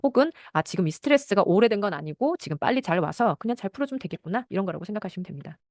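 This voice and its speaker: A woman parenting mentor giving a lesson on talking with children, explaining briskly and acting out little parent and child exchanges. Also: medium pitch, expressive, darkish tone, no echo, studio quality. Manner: fast, explanatory, acts out parent and child lines.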